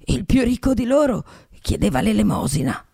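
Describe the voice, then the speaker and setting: A woman doing old Geppetto, husky and creaky. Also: medium pitch, big pitch swings, moderate pace, mellow, dry recording, studio quality, voice pushed up, exaggerated voice. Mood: musing. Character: old male woodcarver, grumpy then sorrowful.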